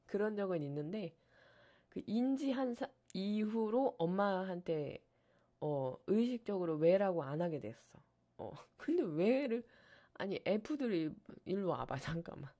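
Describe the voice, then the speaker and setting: A woman who streams ASMR, chatting casually on her live stream and telling stories with animated energy and frequent laughs. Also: medium pitch.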